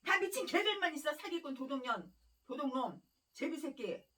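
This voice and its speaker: A woman's voice: sits high, very animated, moderate pace, sharp tone, far from the mic. A woman pastor preaching a sermon in a fiery, scolding way, hammering on repeated phrases and breaking into harsh, angry rants. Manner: harsh angry ranting with insults.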